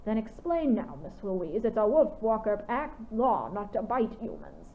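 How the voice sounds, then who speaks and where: A woman's voice: medium pitch, wildly swooping pitch, measured pace. A woman voicing a stern, formal old male wolf pack leader, on tinny phone-like audio.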